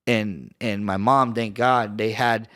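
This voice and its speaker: A man's voice: on the low side, steady tone, takes it slowly, a bit bright. A man from Southern California, a podcast guest, telling casual stories in a rambling, slangy way with lots of fillers and restarts. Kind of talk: casual storytelling.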